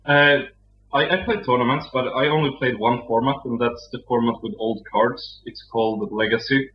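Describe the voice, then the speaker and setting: A young man from Sweden with a Swedish accent, a guest answering interview questions in a relaxed, soft-spoken way. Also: normal speed, a little hiss or hum. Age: young adult. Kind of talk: casual interview. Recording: muffled low-fidelity audio.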